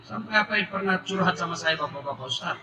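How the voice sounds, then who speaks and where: A middle-aged man preaching a humorous sermon to a live crowd, animated and breaking into shouts. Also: sits high, quick pace. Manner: jokey, animated, bursts into shouting. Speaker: Islamic preacher. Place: public gathering with live audience. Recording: echoey and distant with crowd noise. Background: audience laughter and ambient noise.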